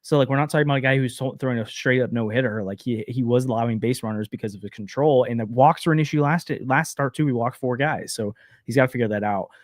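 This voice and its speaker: A man co-hosting a casual sports podcast, hedging a lot with fillers and quick restarts. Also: mid-range voice, no echo, clean studio sound. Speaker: podcast co-host.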